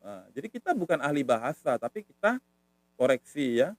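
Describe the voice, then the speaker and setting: A man's voice: medium pitch, very animated, brisk, no echo. A man from Medan, Indonesia, giving a casual online language lesson, patiently repeating words to demonstrate tones. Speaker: language teacher.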